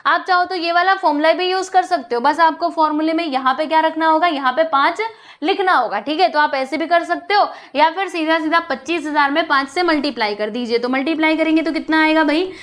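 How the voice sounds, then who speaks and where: A young woman with a high voice walks students through a math lesson. She talks in a chatty, coaxing way and keeps asking questions. She switches easily between explaining and English math terms. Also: a little fast, fairly bright tone. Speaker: math teacher.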